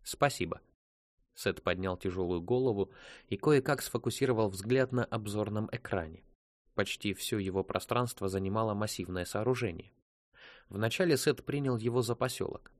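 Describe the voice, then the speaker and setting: A man with a lowish voice reads the narration in steady, even scripted storytelling. The sound is close and dry, with no room echo. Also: normal speed. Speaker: audiobook narrator.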